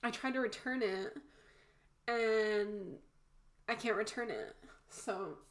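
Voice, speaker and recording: A makeup vlogger with a blocked-nose sound talks slowly in a mid-range voice. Her casual tutorial chatter is informal, rambling and candid, and the recording has a roomy echo.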